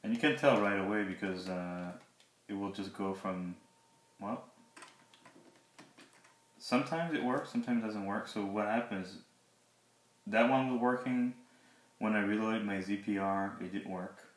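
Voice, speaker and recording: A man's voice: lowish voice, unhurried, pauses often. A man giving a casual, unscripted product review, speaking hesitantly and a little awkwardly through a sore mouth after dental surgery. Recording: roomy echo, background hiss and clicks.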